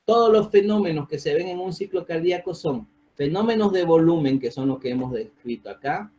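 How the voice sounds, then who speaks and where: A man's voice: on the high side, animated, brisk, warm tone. A man giving an online medical lecture over a video call, often checking in with the class and quizzing students. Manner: asks the class questions, checks with "¿sí?". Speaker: physiopathology lecturer. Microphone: computer mic on a video call.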